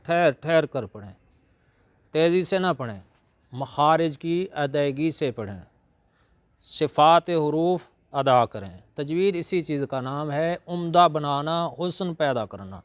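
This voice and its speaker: A man giving a religious lecture, teaching slowly and breaking into drawn-out Arabic recitation. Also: a little high, lively intonation, clean tone, dry recording. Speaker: Quran reciter and preacher.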